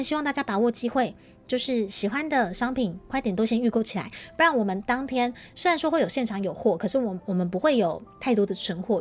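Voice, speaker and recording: A woman with a Taiwanese Mandarin accent chatting casually on a livestream, playful and teasing, often breaking into laughter. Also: a little high. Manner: playful, teasing, bursts of laughter, slips into Japanese. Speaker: VTuber streamer.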